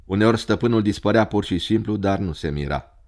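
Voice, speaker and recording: A man narrating a story in a measured, dramatic reading. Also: fairly low pitch, darkish tone.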